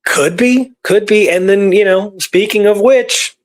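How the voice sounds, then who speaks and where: A man with a high-pitched, slightly slow voice hosts a history podcast, sharing his research through casual storytelling and going through dates and records in detail.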